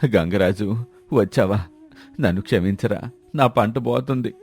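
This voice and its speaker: A man voicing a proud village farmer who turns remorseful, speaking in a lowered, lamenting voice. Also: steady tone, normal speed, a little mellow, natural voice.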